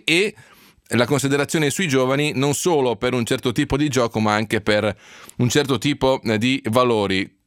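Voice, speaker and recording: A man's voice: medium pitch, fairly bright tone, dry recording, clean studio sound. A man hosting a sports radio programme, presenting news and putting questions to a guest.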